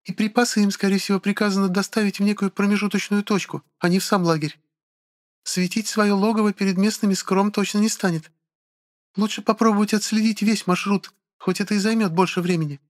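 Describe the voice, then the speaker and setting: A man voicing a calm, calculating woman officer who reasons in a measured way. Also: high-pitched, pitched above the performer's own voice, natural voice.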